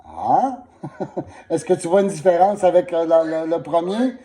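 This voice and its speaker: A man's voice: on the high side, unhurried, warm tone. A man giving a patient singing lesson, coaching and demonstrating vowels while coughing through a sore throat. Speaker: singing teacher. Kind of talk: one-on-one voice lesson.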